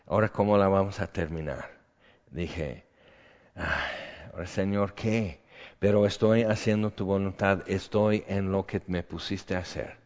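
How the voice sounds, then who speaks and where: A man preaching a sermon, moving between hushed prayerful passages and loud fervent outbursts. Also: low-pitched, steady tone, a little slow. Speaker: pastor. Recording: dull sound with long hall reverb.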